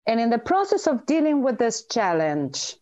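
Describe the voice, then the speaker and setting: On the high side and sing-song, with a slightly mellow tone, this middle-aged Bulgarian woman speaks at normal speed. A dentist and author, she tells stories earnestly and emphatically as an interview guest, on a muffled recording.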